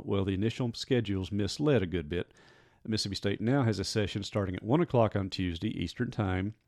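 A man talks recruiting news on his solo podcast, wry and easygoing. His voice sits on the low side. The sound is close and dry, with no room behind it. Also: a little mellow, dry recording. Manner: wry, conversational, self-mocking asides. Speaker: sports beat reporter and podcast host.

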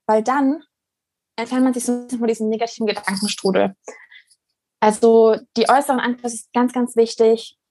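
A woman's voice: on the high side, no room sound. Earnest young woman, dry close sound. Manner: earnest, reflective, many fillers and restarts. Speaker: guest. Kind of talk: casual interview conversation.

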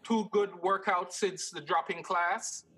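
Guest handicapper from Jamaica, bright tense voice, a bit high, ums a lot. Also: male voice, unhurried, low-quality recording. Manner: relaxed, hesitant with many ums. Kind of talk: casual conversation.

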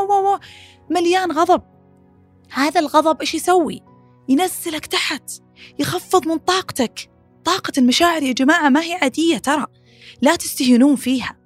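A woman hosting a podcast, giving casual advice, animated and repeating phrases as she talks. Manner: animated, acts out quoted critics in a higher voice; rapid, repeats phrases, many fillers. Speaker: podcast host.

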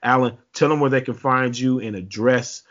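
Male podcast host, relaxed and casual, lo-fi sound. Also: medium pitch, moderate pace. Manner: laid-back, self-deprecating, with filler words. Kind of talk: casual sports podcast chat. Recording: slightly dull lo-fi audio.

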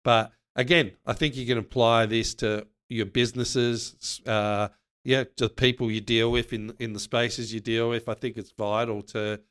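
A man's voice: mid-range voice, flat delivery, measured pace, a bit bright, smooth. A man co-hosting a business podcast, giving earnest advice in casual chat.

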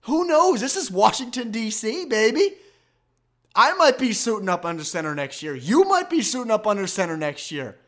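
A man's voice: high-pitched, sing-song, moderate pace, a bit bright. Exasperated man ranting about football. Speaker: podcast host. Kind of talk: fan sports commentary podcast.

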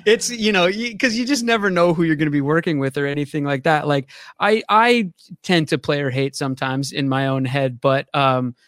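A man's voice: on the high side, normal speed, fairly bright tone, dry recording, studio quality. A man, an actor, chatting casually as a guest on a radio show, in a rambling, easygoing way and laughing often. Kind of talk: casual radio interview chat.

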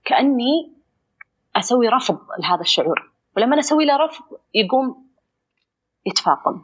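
Fast-talking husky Saudi woman. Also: on the high side, muffled recording. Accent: Saudi Arabic. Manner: expressive, acts out inner dialogue. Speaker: psychologist guest. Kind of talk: conversational explanation.

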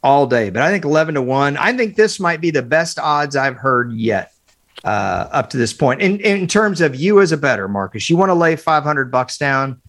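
Male podcast co-host, casual, opinionated, excitable delivery over a remote call. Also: on the high side, normal speed. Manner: animated, opinionated, talks in bursts with fillers. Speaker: podcast co-host, football analyst. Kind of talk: casual sports podcast chat.

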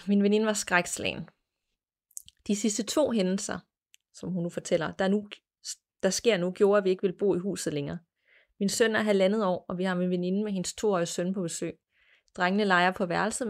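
A woman hosting a podcast, reading a listener's ghost story aloud in a measured, plain storytelling manner. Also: mid-range voice, gravelly. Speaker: podcast host.

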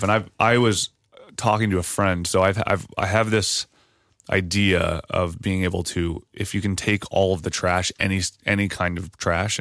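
A man's voice: low-pitched, fairly bright tone, dry recording, clean studio sound. A man hosting a podcast in casual chat, rambling through ideas with restarts and frequent swearing. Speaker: podcast host.

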